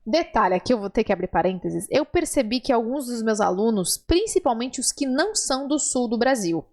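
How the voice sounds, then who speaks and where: A young adult woman with a southern Brazilian accent teaching a language lesson, patiently explaining and modeling words slowly for the listener to repeat. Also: a little high, very animated, darkish tone. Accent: southern Brazilian Portuguese. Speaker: Spanish teacher.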